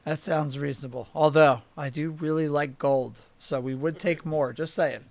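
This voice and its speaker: A man's voice: a little high, fairly even intonation, moderate pace, gravelly, darkish tone, no echo. A man playing in a tabletop game, talking in a playful, chatty way, on a dull, dry lo-fi recording. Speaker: player. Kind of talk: casual tabletop chat.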